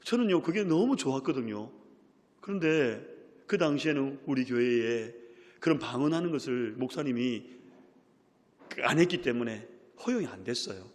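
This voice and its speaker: A man pastor giving a sermon, moving from quiet, close remarks to loud, emphatic calls. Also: medium pitch, expressive, moderate pace. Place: church sanctuary. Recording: long church hall reverb.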